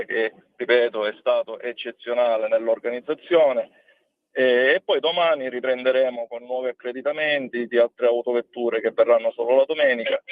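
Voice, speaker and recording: A man calling in on speakerphone while driving, explaining plans in a halting, step-by-step way as an event organizer. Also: mid-range voice, dry recording. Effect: on speakerphone over a phone line while driving. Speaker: phone-in guest, event organizer. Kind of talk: casual phone chat on radio. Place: in a car. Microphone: hands-free car speakerphone. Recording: dry, tinny phone line.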